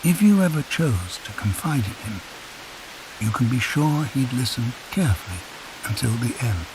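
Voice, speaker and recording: A man narrating a guided sleep meditation in a soft, calm, unhurried storytelling voice. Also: medium pitch. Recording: hissy recording with rain sounds behind. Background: rain.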